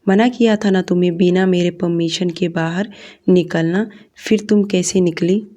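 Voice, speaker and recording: A woman's voice: lowish voice, steady tone, dark tone, close to an everyday voice. A woman voicing a furious, domineering young businessman husband in an audio story, harsh and commanding. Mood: angry, domineering. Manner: harsh, commanding, fast when angry.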